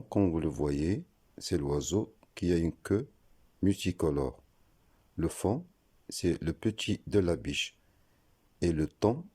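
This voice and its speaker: A man with a very deep, dark voice explains pronunciation in a slow, deliberate way. He spells words out letter by letter, like a patient teacher. His tone is husky. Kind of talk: scripted explanatory lesson.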